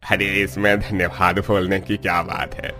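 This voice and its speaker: A man voicing a brisk, matter-of-fact seller in a cartoon story. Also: deep voice, flat delivery, bright, forceful tone. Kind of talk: cartoon voice acting.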